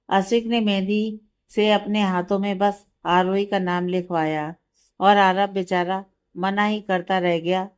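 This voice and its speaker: Smooth-voiced woman narrating a story. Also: mid-range voice, a little mellow.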